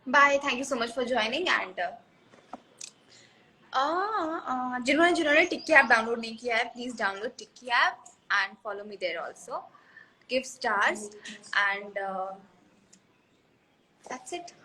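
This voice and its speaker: Young woman live streaming on her phone, playful chatty hindi-english mix, bright high voice. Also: expressive, slow, long pauses, slight background noise. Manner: chatty, playful, mixes Hindi with English, frequent fillers and laughs. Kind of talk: casual live-stream chat with viewers.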